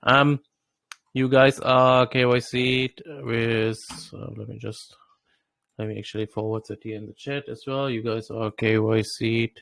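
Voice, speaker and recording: A man's voice: mid-range voice, steady tone, unhurried, gravelly, a bit bright, dry recording. A man hosting an online interview in a casual, upbeat, promotional way. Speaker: host.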